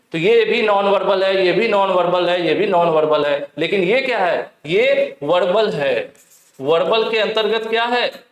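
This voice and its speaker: A male teacher with a high voice works through exam questions, asking each question out loud and then answering it himself. He repeats his points and reads the English questions aloud. The room around him is roomy and echoey. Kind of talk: exam question bank lesson.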